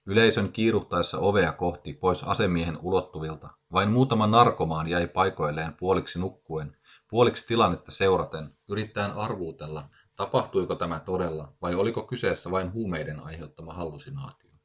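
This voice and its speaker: Deep-voiced man reading a story. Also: fairly bright tone, breathy edge, dull audio. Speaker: narrator. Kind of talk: scripted audiobook narration.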